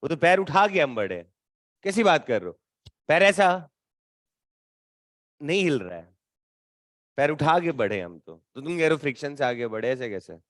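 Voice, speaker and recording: Man, physics teacher, teasing classroom banter, slightly high voice, dry sound. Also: very animated, brisk, no room sound. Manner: casual, teasing, talks back to students. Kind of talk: classroom lecture.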